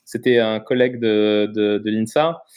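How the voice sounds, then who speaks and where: Man from Morocco, halting explainer. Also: on the low side, fairly even intonation, smooth, dull audio. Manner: explanatory, halting with frequent pauses. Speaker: interview guest. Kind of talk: casual interview chat.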